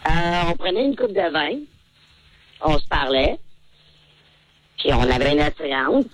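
A man's voice: a little high, big pitch swings, a little slow, no room sound. A man calling in on the phone, his voice run through a voice modifier, confessing hesitantly. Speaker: caller. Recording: heard over a phone line.

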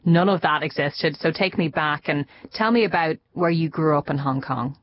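A woman hosting an interview, asking smooth, prepared questions. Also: low-pitched, normal speed, dull audio. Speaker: interviewer, host.

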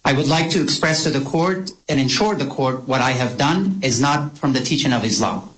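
A man's voice: mid-range voice, moderate pace, fairly bright tone, rough recording. Man, live courtroom interpreter, mid-range voice, formal first-person wording. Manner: renders another speaker's words in the first person, formal phrasing.

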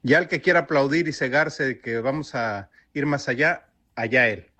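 A man's voice: mid-range voice, moderate pace, sharp tone. A man from Mexico, living abroad, sending a firm, critical voice message to a radio show. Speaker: listener in a voice message. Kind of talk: sent voice message about football.

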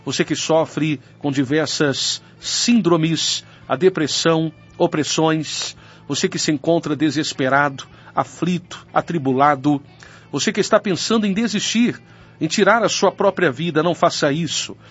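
A man's voice: on the high side, measured pace, fairly bright tone, slightly rough. A man reading a church radio schedule, urging listeners earnestly to come to services. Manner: earnest, urgent invitation. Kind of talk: scripted radio announcement. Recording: dull lo-fi radio sound.

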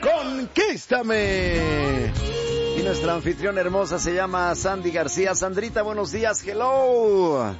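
A man's voice: sits high, animated, takes it slowly, muffled recording, loud music behind the voice. A man co-hosting a radio show, playful and teasing as he introduces segments. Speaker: radio host. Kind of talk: lively radio show chat.

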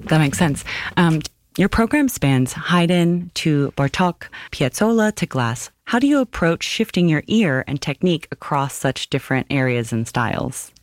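Female radio host, mid-pitched, crisp scripted delivery, dry studio. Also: lively intonation, measured pace, dry recording. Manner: clear, scripted introductions and questions. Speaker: radio host, music director. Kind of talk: radio interview hosting.

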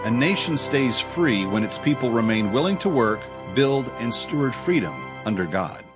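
Man, scripted narration, lively emphatic pitch, solemn, music underneath. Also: moderate pace. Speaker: segment narrator. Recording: music bed behind.

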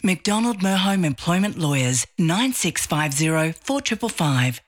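A man's voice: fairly high pitch, very animated, unhurried. A man reading a formal scripted advert as a voice-over.

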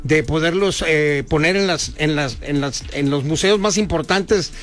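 Chatty high-voiced Mexican radio host. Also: male voice, measured pace. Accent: Mexican Spanish. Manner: relaxed, chatty, slangy. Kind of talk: casual radio interview.

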